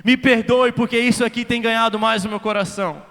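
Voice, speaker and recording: High-voiced Brazilian preacher in a hall. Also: male voice, fairly even intonation, fairly quick. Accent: Brazilian Portuguese. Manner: builds from quiet storytelling to shouted appeals; mixes English phrases into his preaching. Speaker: youth pastor. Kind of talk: conference sermon. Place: large conference hall. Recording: reverberant hall.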